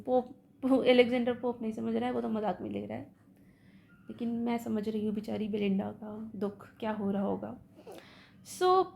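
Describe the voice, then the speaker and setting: Slow, gravelly woman teaching. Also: a little high, darkish tone, slight background noise. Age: young adult. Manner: slow, deliberate reading of verse, quick asides. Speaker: literature teacher. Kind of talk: lecture mixing English and Hindi.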